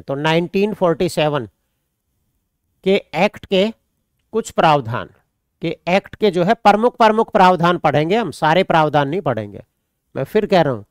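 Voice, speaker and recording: A man's voice: fairly high pitch, clear, resonant tone, dry recording, clean studio sound. A man from India, teaching an online exam-prep class. He repeats points, dictates notes and answers students' questions.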